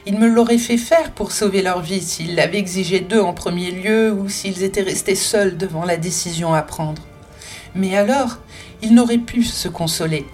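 A woman's voice: mid-range voice, normal speed, darkish tone, faint music behind, natural voice. A woman voicing a spirited, passionate French woman in an audiobook, talking emphatically and with many exclamations. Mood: fervent. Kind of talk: audiobook character reading.

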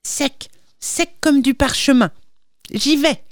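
A woman's voice: high voice, slow, no room sound, clean studio sound, pitched above the performer's own voice. A woman reading aloud and voicing a sly young boy with a mock-innocent manner in a storybook. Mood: scheming.

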